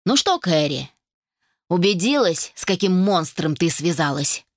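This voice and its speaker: A woman's voice: lowish voice, big pitch swings, measured pace, no echo, studio quality. A woman reading an audiobook voices a jealous young man who talks with bitter spite. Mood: sneering.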